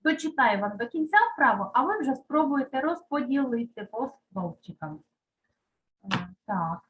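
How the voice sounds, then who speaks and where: A woman teaching a primary school language lesson, speaking slowly and clearly as she dictates words to children. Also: fairly high pitch, animated. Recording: dull lo-fi sound.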